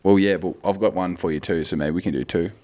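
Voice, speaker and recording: A man's voice: low voice, steady tone, quick pace, darkish tone. A man co-hosting a podcast, chatting bluntly and swearing casually. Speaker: podcast co-host. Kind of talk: casual chat.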